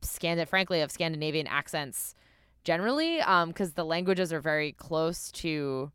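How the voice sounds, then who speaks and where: A woman co-hosting a podcast in loose, rambling chat, her voice bright and sharp. Her tone is crisp and smooth, and the recording is close and dry with no room sound. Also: low voice, lively intonation, normal speed, no room sound. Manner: rambling, lots of restarts and fillers. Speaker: podcast co-host. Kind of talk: casual chat.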